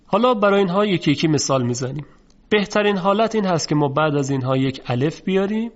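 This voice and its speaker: Man teaching Quran recitation, lo-fi. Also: a little high. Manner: slow, drawn-out demonstration of heavy letter sounds. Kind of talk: tajweed lesson. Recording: dull lo-fi recording.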